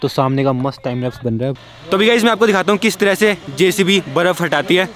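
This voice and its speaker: Fast-talking excitable young male vlogger. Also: sits high. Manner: chatty, excitable, addresses viewers as guys. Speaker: travel vlogger. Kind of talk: casual vlog narration.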